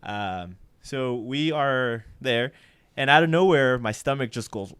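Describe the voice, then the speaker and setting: A man in his twenties tells a story in a casual chat. His voice is smooth and clear, sitting at an ordinary male pitch. He delivers it in an animated way, swears freely and laughs along with his own tale. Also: a little slow. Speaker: podcast co-host.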